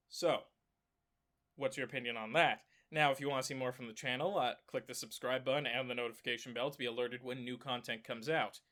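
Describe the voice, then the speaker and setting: A man with a clogged nose talking through election maps for his own channel in a casual way, thinking aloud with many fillers and self-corrections and breaking into excited exclamations. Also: medium pitch. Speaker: political commentary YouTuber. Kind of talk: casual screen-share analysis.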